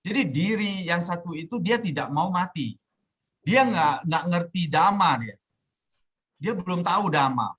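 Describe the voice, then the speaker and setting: A man's voice: high voice, expressive, a little slow, fairly bright tone, husky. A middle-aged man, a Buddhist teacher telling a personal story in a dhamma talk, speaking conversationally with many fillers. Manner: conversational, many fillers, acts out his own quoted pleas.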